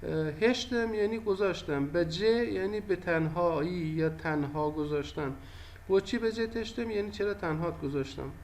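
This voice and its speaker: High-voiced man patiently explaining phrases. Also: darkish tone, a little hiss or hum. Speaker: language teacher. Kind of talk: explanatory lesson narration.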